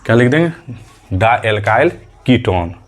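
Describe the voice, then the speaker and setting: A man's voice: medium pitch, animated, moderate pace, a little hiss or hum. A male chemistry teacher giving a medium lesson, patiently repeating key terms as questions and counting aloud step by step, with a light tinge. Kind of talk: classroom lesson.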